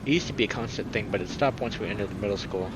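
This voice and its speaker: A young adult man streams a casual let's play, talking very fast in a fairly low voice as he chats with viewers and reads a visual novel aloud. Background noise sits behind his voice.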